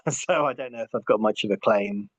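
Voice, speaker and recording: This middle-aged English guest speaks at a moderate pace in a lowish voice with a fairly bright tone. In a casual conversational interview he hesitates, restarts and repeats words, and the recording is dry, muffled and lo-fi.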